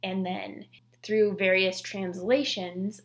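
A woman's voice: mid-range voice, flat delivery, slow. A woman co-hosting a podcast, chatting casually about scripture and fiction, with lots of "like" fillers. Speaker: podcast co-host.

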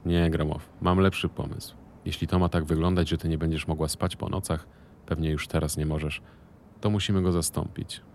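A man's voice: rumbling low, level tone, moderate pace, darkish tone, slight background noise. A man doing a brash mocking partner. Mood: irritated. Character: cocky male business partner, mocking and short-tempered.

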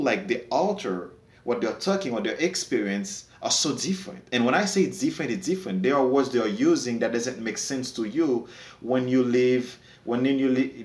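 Heard in an echoey room, a man with a mid-range voice and a Haitian accent joins a casual podcast discussion as a guest. Born in Haiti and a native Creole speaker, he speaks earnestly and tends to repeat words as he searches for them.

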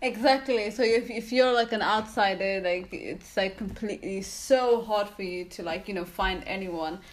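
A woman co-hosting a podcast in casual chat, agreeable and emphatic, quick to laugh. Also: medium pitch. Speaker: podcast co-host.

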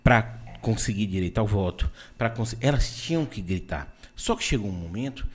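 A man with a Brazilian Portuguese accent in casual opinion chat, emphatic and animated, often restarting his sentences. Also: fairly low pitch, moderate pace.

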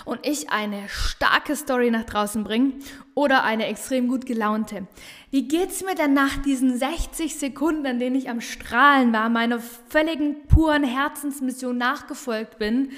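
A woman with a regional dialect hosts a motivational solo podcast as a business coach, speaking with emphasis and energy and often repeating phrases to drive them home. Her voice is high-pitched and fairly bright, her pace unhurried, and the sound suggests a big room.

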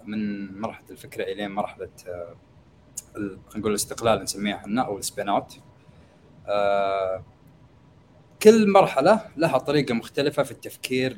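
A young man with a Gulf Arabic accent explaining conversationally as a guest expert, hesitant and pausing as he thinks aloud. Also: lowish voice, a little hiss or hum. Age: young adult. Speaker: guest expert in startup marketing.

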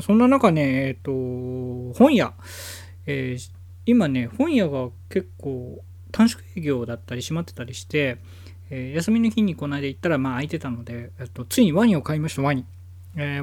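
A man's voice: on the high side, dry recording. Rambling male podcast host, dry close sound. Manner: rambling, relaxed, many fillers. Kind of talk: casual solo podcast talk. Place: home.

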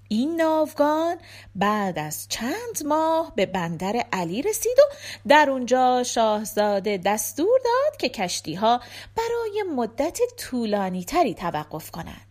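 Expressive woman reading a folktale. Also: on the high side. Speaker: storyteller. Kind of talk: folktale narration.

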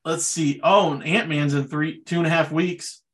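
A man co-hosting a podcast, chatting casually about movies in a relaxed way with loose fillers. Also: a little high, moderate pace. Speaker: podcast co-host.

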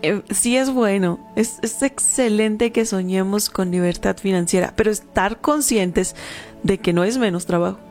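Measured woman co-host. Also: medium pitch, a little mellow, soft background music. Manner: measured, reflective, laughs easily.

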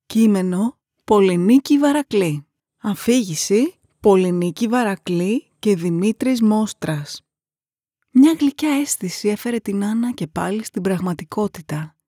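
A woman reads a horror story in a hushed, dramatic way that often drops to a half-whisper. Her voice is husky and mid-pitched, and the recording is close and dry. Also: animated, dry recording. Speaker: narrator. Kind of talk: scripted horror narration.

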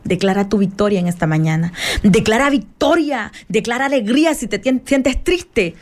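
A woman's voice: mid-range voice, lively intonation, moderate pace, darkish tone. A woman preaching a fervent morning sermon, emphatic and repetitive, rising into prayer.

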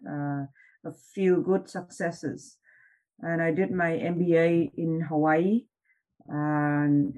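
A middle-aged woman from Vietnam, a professor and founder telling her story in an interview, speaking in a measured way with frequent pauses. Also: sits low, a little mellow, rough recording. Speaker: business school professor and founder, interview guest.

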